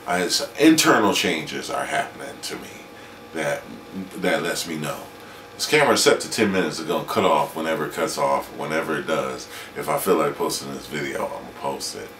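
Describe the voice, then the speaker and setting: A man in his late forties talking through a personal video diary from his kitchen, halting and reflective with many restarts. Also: a bass voice, animated, fairly bright tone, echoey room, distant mic, a little hiss or hum. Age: 40s. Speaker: independent filmmaker and vlogger.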